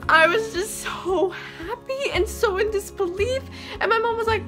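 A young woman telling an excited story-time vlog as a small YouTuber, gushing and breathless with excitement. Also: very high-pitched, unhurried, over music.

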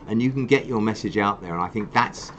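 A man hosting a live charity stream with a lowish voice and faint background hiss. He rants passionately about his cause and laughs at himself. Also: fast. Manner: passionate, ranting, self-mocking. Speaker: wildlife charity host.

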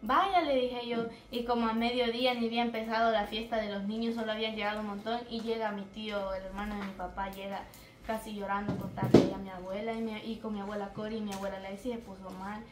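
A young woman with a Salvadoran accent, casually telling a family story and going quiet at the sad parts. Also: mid-range voice, roomy sound. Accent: Salvadoran Spanish. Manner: quick, lively retelling, dropping to a hushed tone at sad parts.

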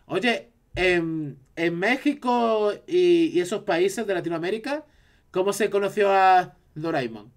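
A man's voice: high voice, a little slow. A man from Spain with a Spanish accent, chatting casually on a live stream and reacting to his chat.

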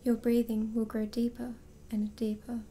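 A woman hypnotist leading a slow, soothing induction, drifting in and out of a whisper. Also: fairly high pitch, monotone, dark tone, a little hiss or hum.

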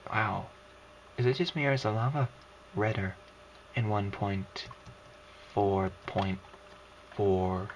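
A woman's voice: a bass voice, steady tone, takes it slowly, pauses often. A woman whispering through a let's-play commentary, her whisper scratchy, with frustrated outbursts and mild cursing. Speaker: gaming video creator.

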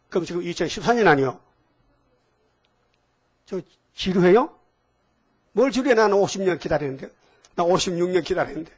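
Older man preaching with rhetorical questions. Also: high voice. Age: 70s. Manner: rhetorical questions to the congregation, folksy asides. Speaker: pastor. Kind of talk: sermon. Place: church hall.

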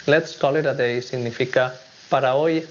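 A man's voice: medium pitch, fairly even intonation, a little hiss or hum. Man teaching English on dull video audio. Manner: clear, measured explanations with slow English examples. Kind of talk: recorded video lesson.

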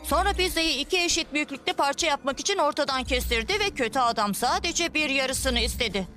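Quick clever girl agent, high voice, music going behind. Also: lively intonation, bright, forceful tone. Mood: brisk. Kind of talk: dubbed kids' show acting.

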